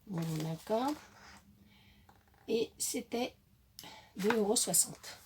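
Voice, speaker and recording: A woman's voice: on the high side, lively intonation, slow pace, slight background noise. A woman chatting casually while showing off a craft-supply haul, hesitant with many fillers and self-corrections. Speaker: crafting vlogger.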